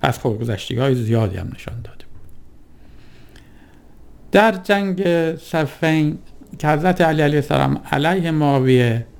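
A man giving a reflective religious talk in a deliberate, rhetorical way, piling up lists and questions. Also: fairly high pitch, vocal fry, a little mellow.

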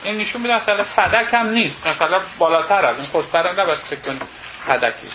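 A male lecturer reads a religious text slowly, then paraphrases each passage casually, thinking aloud with pauses and self-corrections. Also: high-pitched, noisy background. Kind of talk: reading and explaining a religious text.

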